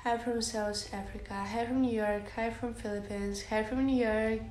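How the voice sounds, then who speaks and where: Speaking from her bed into a close-held phone, a young woman from Russia chats slowly and gently on a livestream, giggling and filling gaps with "like" and "uh" while responding to viewers. Her slightly high voice keeps a steady tone, but the audio is poor, with an echoey room and a little hiss or hum.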